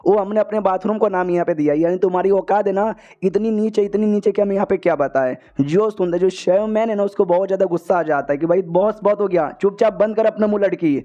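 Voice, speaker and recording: A man retells a story at a rapid clip in a relaxed, casual recap. His voice sits a little high but sounds dark and mellow, and his delivery is chatty and slangy as he rushes through the plot. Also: highs cut off.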